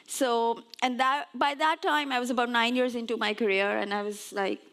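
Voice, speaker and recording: A conference speaker in her forties, who comes from Pakistan, addresses an audience from the stage with a casual, slightly self-deprecating humor. Her voice sits on the high side, a bit bright, with fairly even intonation and a normal pace.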